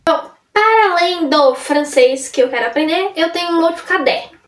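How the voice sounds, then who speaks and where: High-voiced young woman, chatty and rambling. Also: expressive, normal speed. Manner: rambling, self-interrupting, chatty. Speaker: vlogger. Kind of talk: casual chat to camera. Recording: roomy sound from a distance off the mic.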